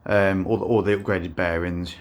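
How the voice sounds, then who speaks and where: Low-voiced man giving a slow monotone walkaround. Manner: self-described monotone, halting with fillers. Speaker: motorcycle builder showing his bike. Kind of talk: casual walkaround vlog.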